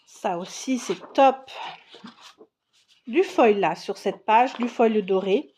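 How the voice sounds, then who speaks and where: A woman's voice: a little high, takes it slowly, warm tone, slight background noise. A woman casually showing scrapbooking supplies on camera, chatty and enthusiastic, with frequent fillers and restarts. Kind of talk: casual product show-and-tell.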